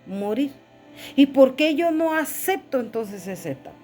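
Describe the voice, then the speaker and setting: A woman's voice: high voice, lively intonation, normal speed, a little mellow, faint music behind. A middle-aged woman pastor preaching a sermon, calling listeners "brother" and asking rhetorical questions.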